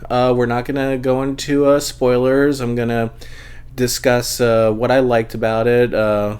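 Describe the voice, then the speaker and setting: Hosting a relaxed live book club stream, an adult man who has gone to conventions for years reads viewer comments out loud. He's a little congested and fills his hesitant speech with fillers. His mid-range voice has a clean tone.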